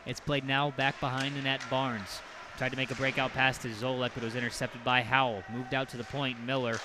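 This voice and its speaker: A man doing play-by-play commentary on a hockey game, with rapid calls that surge loud on goals. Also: medium pitch, level tone, background noise. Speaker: play-by-play announcer.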